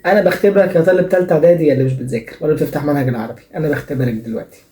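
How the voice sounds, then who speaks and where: A young man with an Egyptian Arabic accent hosts a comic advice show at a quick clip, teasing and playfully sarcastic. His voice is mellow and relaxed. The room adds a noticeable echo. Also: on the high side. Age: young adult. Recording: echoey room.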